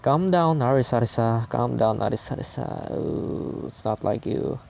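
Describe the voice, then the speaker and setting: A man voicing a sullen, defensive teenage schoolgirl who speaks quietly and tersely. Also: mid-range voice, animated, normal speed, vocal fry, slight background noise. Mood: soothing.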